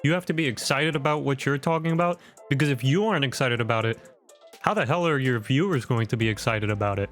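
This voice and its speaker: Male online video host, medium pitch, wired and over-caffeinated, punchy emphatic tutorial delivery, faint music underneath. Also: fast talker, fairly bright tone. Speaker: YouTube content creator and host. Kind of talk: direct-to-camera tutorial, scripted vlog. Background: background music.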